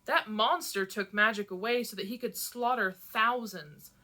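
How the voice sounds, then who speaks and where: A young rebel girl lashes out in anger and fear, her voice unsteady, as a woman reads her aloud. The tone is bright and cutting. It is a plain read-aloud of a novel. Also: mid-range voice, normal speed, lightly acted. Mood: furious. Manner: heated, shaking with anger.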